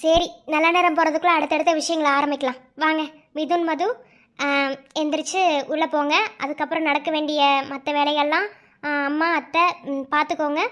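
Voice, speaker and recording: Woman doing very high, squeaky cartoon voices. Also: flat delivery, brisk, a bit bright, a little hiss or hum. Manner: teasing, scolding, bantering between several women. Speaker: cartoon channel creator voicing all characters. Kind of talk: acted cartoon dialogue.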